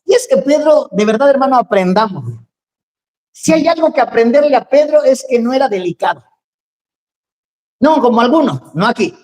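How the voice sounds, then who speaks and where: A woman preaching a sermon in a lively, joking way, acting out the voices she quotes. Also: sits high, a little fast.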